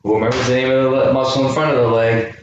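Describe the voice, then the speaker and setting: Counting reps aloud and asking encouraging questions, this youth fitness coach runs a home workout class for kids at a fast clip in a flat, medium-pitched voice. The sound is lo-fi, taken from a camera mic across an indoor room with a chair. There's heavy echo and a little background noise.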